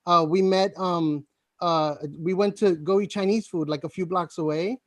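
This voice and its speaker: A man, a campaign volunteer, chatting on a video call, halting and stuttering through many restarts. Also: sits high, fairly even intonation, no echo. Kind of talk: casual video-call chat.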